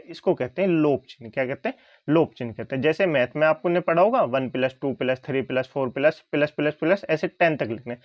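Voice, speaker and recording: Brisk, high-voiced male teacher. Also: no room sound, highs cut off. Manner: repeats questions and answers them himself; rising checks, then low flat answers. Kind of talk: online exam-prep lesson.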